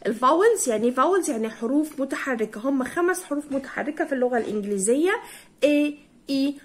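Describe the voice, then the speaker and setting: A young woman with an Egyptian Arabic accent, teaching a primary school English lesson. She repeats words and drills them slowly, spelling out letters. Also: high voice, expressive, slightly rough.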